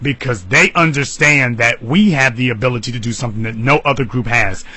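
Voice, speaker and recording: Man, talk radio host, bright husky voice, emphatic preachy delivery. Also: a little fast, low-quality recording. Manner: emphatic, preachy, leaps high in pitch for emphasis. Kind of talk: impassioned talk radio monologue.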